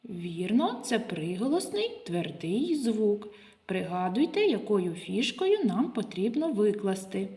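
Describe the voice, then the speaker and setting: A woman's voice: mid-range voice, very animated, dark tone. A woman kindergarten teacher speaking Ukrainian with a local accent, leading a literacy lesson for small children and asking them questions. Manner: slow, sing-song teacher talk with questions to children.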